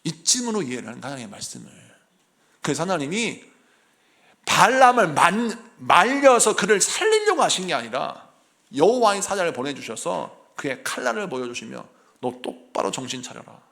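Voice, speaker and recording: A middle-aged man, a senior pastor, preaching a sermon in an animated storytelling way and acting out the people in his stories. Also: fairly high pitch, moderate pace, vocal fry.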